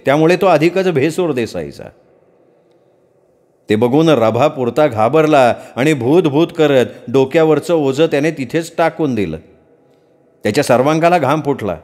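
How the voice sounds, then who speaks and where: Expressive male storyteller, slightly high voice. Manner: vivid, expressive, rich in folksy comparisons. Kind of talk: traditional oral storytelling.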